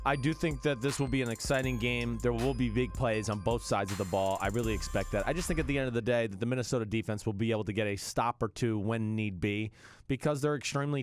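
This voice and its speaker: A man co-hosting a football podcast in casual sports talk, animated, his voice hoarse from yelling and often clearing his throat. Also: mid-range voice, dry recording. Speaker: podcast co-host, former player analyst.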